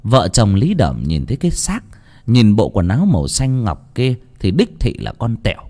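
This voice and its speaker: Guy telling a creepy folk tale, really lively up-and-down voice. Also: fairly low pitch, moderate pace. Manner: dramatic, vivid delivery. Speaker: storyteller. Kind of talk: horror story narration.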